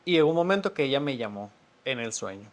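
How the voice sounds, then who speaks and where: A man speaks as a podcast guest, sharing a personal story. His mid-range voice is sincere and quietly reflective. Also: mid-range voice, big pitch swings, fast, dull audio.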